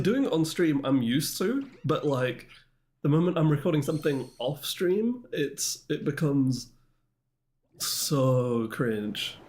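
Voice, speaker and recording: A man's voice: medium pitch, a little mellow. Self-deprecating male streamer chatting casually. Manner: rambling and self-deprecating, answering chat. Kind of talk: casual livestream chat with viewers.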